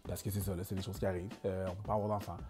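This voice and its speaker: A young comedian with a Québécois French accent chats very fast in a deep voice, with music behind him. Being interviewed, he keeps it easygoing and slips in bits of English.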